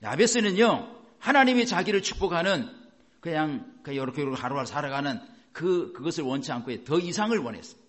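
A man's voice: on the high side, animated, fairly quick. A man preaching a sermon in a dramatic way, asking his listeners rhetorical questions and acting out quotes. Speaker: pastor.

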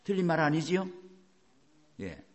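A man's voice: fairly high pitch, big pitch swings, a little slow. A man pastor preaching a sermon, emphatic and asking the congregation rhetorical questions.

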